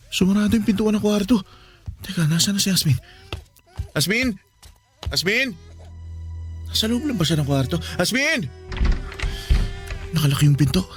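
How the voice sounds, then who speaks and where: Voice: medium pitch, close to an everyday voice. An actor playing a young husband and father in a radio drama, choked up and pleading. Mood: panicked.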